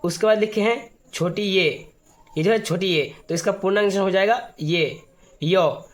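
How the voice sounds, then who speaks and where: Patient high-voiced man teaching the alphabet. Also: measured pace. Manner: patient and repetitive, often clears his throat. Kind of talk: step-by-step alphabet lesson.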